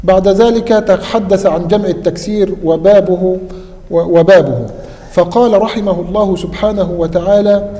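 A man reading a classical grammar text aloud in a lesson, reciting slowly and answering briefly. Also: sits high, steady tone, warm tone, in a large hall.

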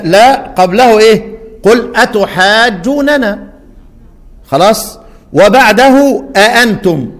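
Egyptian man, high voice, teaching Quran readings, quizzes class, chants verses slowly, long hall reverb. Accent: Egyptian Arabic. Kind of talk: lesson on Quran reading variants.

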